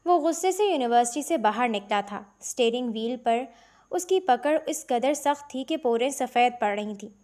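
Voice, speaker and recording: Woman narrating a novel, fairly high voice. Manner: steady storytelling reading. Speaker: audiobook narrator.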